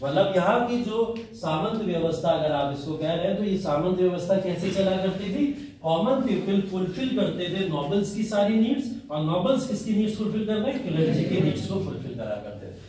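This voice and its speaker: A man's voice: high-pitched, expressive, normal speed, few pauses, warm tone. A man teaching a history class, asking his students questions and answering them himself. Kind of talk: classroom lecture. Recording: very echoey room, mic far off.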